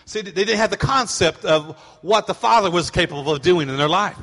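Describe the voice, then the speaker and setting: A man's voice: sits high, fairly quick, big-room sound. A middle-aged man preaching a sermon as pastor, telling stories and acting out his kids' voices. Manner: animated storytelling, acting out voices of kids.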